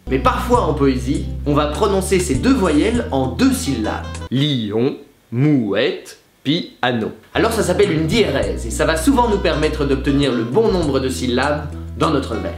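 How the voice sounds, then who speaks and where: A man's voice: a little high, expressive, normal speed, few pauses. A man presenting a lesson, explaining with playful examples and theatrical recitations. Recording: echoey room with music behind.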